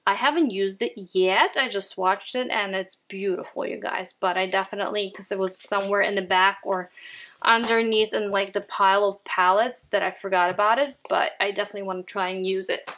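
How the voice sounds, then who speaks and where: A beauty vlogger with a Ukrainian accent chats casually and briskly through a makeup declutter, speaking at a medium pitch and often addressing viewers as "you guys." She's recording indoors at home.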